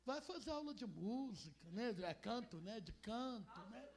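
A woman preacher with a deep gravelly voice, preaching an animated, joking sermon and calling out to the congregation. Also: normal speed. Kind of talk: humorous storytelling sermon.

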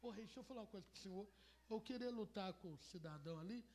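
A woman's voice: fast talker, darkish tone, a little hiss or hum, close to an everyday voice. A woman doing a humble, bold young David. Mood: earnest. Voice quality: deep gravelly voice.

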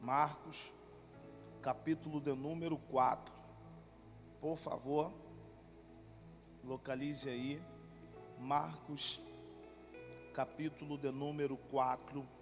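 A Brazilian man preaching a sermon to a congregation, with a tongue-tied lisp and slushy s sounds, in an emphatic, deliberate manner that repeats phrases. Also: mid-range voice, flat delivery. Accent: Brazilian Portuguese. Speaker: guest preacher. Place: large echoey church. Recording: long hall reverb, music behind.

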